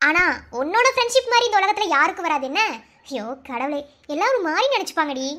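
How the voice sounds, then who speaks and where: A woman's voice: very high voice, lively intonation, sharp tone, full character voice. A woman voicing a chatty, bossy young college girl in a cartoon, with a Madurai Tamil accent and a scolding, teasing manner. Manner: scolding, teasing, quick banter. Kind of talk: cartoon voice acting.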